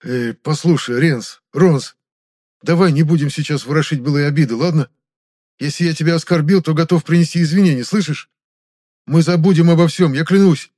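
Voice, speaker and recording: Man playing a high shrill voice, spoiled young noble captive, panicky, audiobook. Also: moderate pace, a little mellow, close to an everyday voice. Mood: pleading. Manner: shrill, pleading and blustering.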